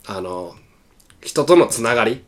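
A man with a Kansai accent telling funny stories in casual chat as a radio host, animated and laughing often. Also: medium pitch, a little slow. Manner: animated storyteller, bursts into laughter.

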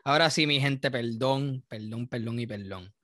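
A man's voice: medium pitch, moderate pace, fairly bright tone, dry recording, studio quality. A man with a Puerto Rican Spanish accent hosting a casual podcast, reacting loosely and profanely and laughing often. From Puerto Rico. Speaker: podcast host.

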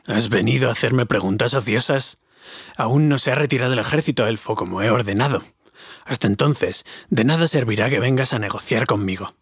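A stubborn, wrathful dwarf king growls his words slowly and low, as a man reads him aloud. The voice is husky and sits close and dry, like a homemade audiobook. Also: no room sound. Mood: haughty. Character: proud angry dwarf king, older male.

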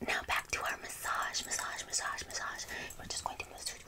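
A woman whispers softly through an ASMR roleplay. She repeats single words over and over in a quiet, steady stream. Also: a little fast. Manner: soft repetitive whispering of trigger words.

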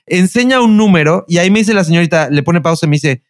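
A man with a Mexican Spanish accent tells his story in a casual, foul-mouthed way, acting out each side of the exchange. His voice sits high for a man. The sound is close and dry, with no room echo. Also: quick pace. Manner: profane, animated retelling with acted-out quotes. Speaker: podcast host.

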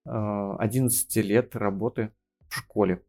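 A man's voice: lowish voice, steady tone, moderate pace, a little mellow. A man in his thirties from Russia, a geography teacher talking as a podcast guest, hesitant and full of fillers. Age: 30s. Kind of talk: casual interview.

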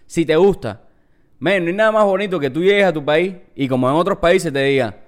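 Cuban guy chatting on a podcast, bit high voice, acts out quotes. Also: fairly quick. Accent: Cuban Spanish. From Cuba. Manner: animated storyteller, acts out quotes with laughter. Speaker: podcast co-host. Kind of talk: casual chat.

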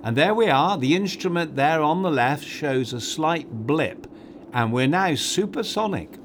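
This is a male host's scripted, second-person guided flight narration, delivered a little slowly in a voice on the high side. He talks straight to the listener with instructive, step-by-step directions. The backdrop is constant cabin ambience and the hum of engines.

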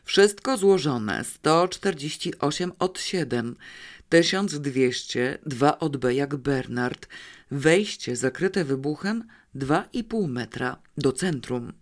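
A woman voicing a dying man who slowly and desperately gasps out a coded message in an audiobook. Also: deep voice, expressive. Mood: desperate, gasping. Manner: slow, strained, desperate gasping. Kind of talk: audiobook reading.

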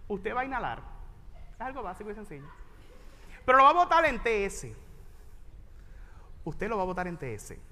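A man with a Puerto Rican accent gives a joking motivational talk to a large audience of teachers. His voice sits very high and sounds bright and forceful. He is animated and breaks into sudden loud exclamations. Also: moderate pace, pauses often. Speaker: voice teacher and keynote speaker.

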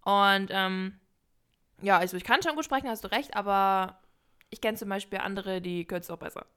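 A woman's voice: medium pitch, normal speed, a bit bright, smooth. A young woman co-hosting a casual podcast chat, talkative and sprinkling English words into her speech. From Bavaria, Germany. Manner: chatty, mixes in English words. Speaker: podcast co-host.

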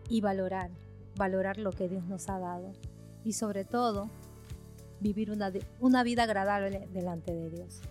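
A woman telling a moral story in a sermon, animated, with frequent fillers. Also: mid-range voice, moderate pace, soft background music.

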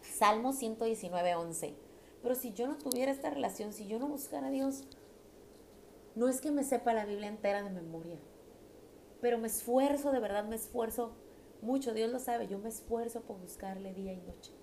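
A woman's voice: on the high side, moderate pace, darkish tone. A woman speaks in a devotional teaching style, earnest and persuasive. She stacks repeated phrases for emphasis. A faint hiss sits under her voice.

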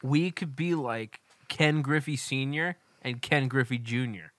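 A man's voice: medium pitch, measured pace, fairly bright tone, no echo, clean studio sound. A young man co-hosting a podcast, chatting casually and telling stories in a loose, joking way. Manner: loose, joking storytelling with laughs. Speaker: podcast co-host. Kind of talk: casual chat.

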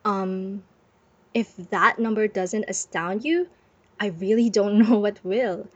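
A woman's voice: mid-range voice, slow pace, breathy edge, no room sound. A young adult woman hosting a casual solo podcast in a bubbly, affectionate, motivational way, recorded under a blanket on her bed. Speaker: podcast host. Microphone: close microphone. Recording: dry, muffled space under a blanket.

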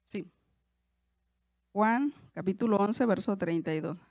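A woman's voice: medium pitch, takes it slowly, a little mellow, dry recording, clean studio sound. A woman, hosting a podcast and teaching the Bible to women in a conversational way, often asking her listeners questions and correcting herself as she goes.

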